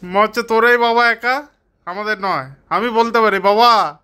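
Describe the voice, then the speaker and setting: High-voiced man teasing his dog. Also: normal speed, sharp tone. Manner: teasing, playful scolding. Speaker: pet vlogger. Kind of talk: casual talk to a pet dog.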